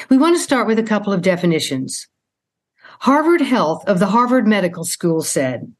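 A woman's voice: medium pitch, a little mellow. A woman co-hosting a podcast, presenting mostly from prepared material. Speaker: podcast co-host.

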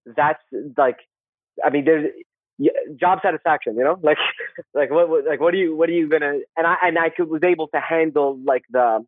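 Male interview guest, conversational and halting with repeated phrases, close dry sound with limited bandwidth. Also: fairly high pitch, no echo, phone-quality sound. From Saudi Arabia. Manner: rambling, halting, repeats words and phrases, often tags "right?". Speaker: podcast guest, social worker. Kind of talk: casual interview, personal storytelling.

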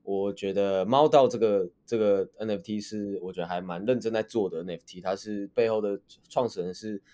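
A man's voice: lowish voice, fairly quick, warm tone. A man co-hosting a podcast in casual conversation. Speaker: podcast co-host. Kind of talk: casual chat.

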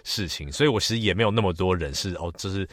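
A man with a Taiwanese accent, a podcast guest speaking in a thoughtful, measured way with some hesitation. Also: deep voice, fairly bright tone, no room sound, clean studio sound. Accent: Taiwanese Mandarin. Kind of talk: casual chat.

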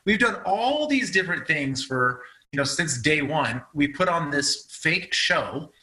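A man with a bright, tense, slightly high voice tells a personal story to an interviewer. He talks earnestly, owning up to past mistakes in a plain, conversational tone. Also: expressive, measured pace, low-quality recording. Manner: earnest, confessional. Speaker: guest, husband telling a couple's story. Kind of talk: casual storytelling.

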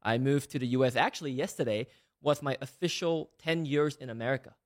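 A man's voice: mid-range voice, fairly quick. A man in his twenties from Malaysia, a podcast guest in a casual interview, talking eagerly with many fillers and restarts. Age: 20s.

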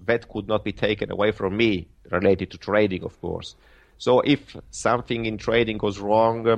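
Italian-accented man, lowish voice, halting podcast guest full of fillers. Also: dull audio. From Italy. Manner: halting, many fillers and restarts. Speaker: guest trader. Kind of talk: podcast interview answers.

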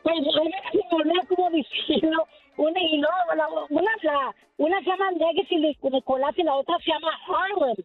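Middle-aged female caller, high voice, hesitant, tinny dry phone line. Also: fairly quick, soft background music. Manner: hesitant, searching for words.

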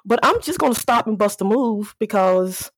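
Sassy Southern woman with a slightly husky voice. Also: mid-range voice, animated, normal speed, no echo. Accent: Southern American. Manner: sassy, candid, playful. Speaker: auto repair shop owner, podcast guest. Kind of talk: casual chat.

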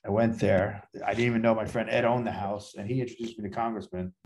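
A man's voice: on the low side, steady tone, quick pace, darkish tone. A man, a podcast guest telling rambling anecdotes and acting out the dialogue in them. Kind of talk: casual storytelling interview.

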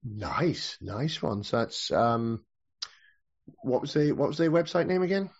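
A man's voice: mid-range voice, very animated, unhurried, vocal fry, slightly rough, dull audio. A man hosting a podcast interview, friendly and a little hesitant, often repeating words. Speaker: podcast host.

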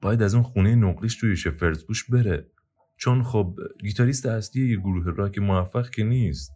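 A man's voice: low-pitched, a little mellow, pitched above the performer's own voice. A man voicing a resentful male ex-drummer who talks in an angry, sarcastic, complaining way. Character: bitter resentful male ex-drummer, middle-aged.

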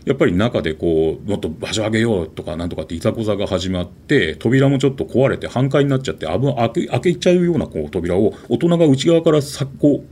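A man telling a ghost story in an animated, dramatic way, with vivid sound words. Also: medium pitch, quick pace, few pauses.

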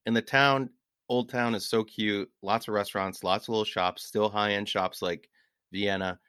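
Low-voiced man telling rambling travel stories. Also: fairly even intonation, normal speed, bright, forceful tone, clear, resonant tone, dry recording, clean studio sound. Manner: rambling storyteller, laughs at own stories. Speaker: podcast co-host. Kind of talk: casual travel chat.

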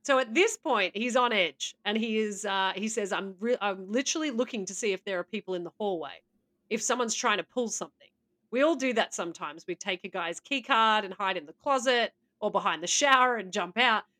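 A woman's voice: medium pitch, a little fast, sharp tone. A woman co-hosting a casual podcast, reading out stories with playful asides and laughter. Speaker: podcast co-host.

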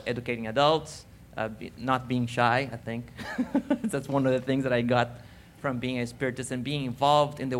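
A man speaking as a panelist in an unscripted discussion, easygoing and a bit hesitant. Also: medium pitch. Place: symposium hall with audience.

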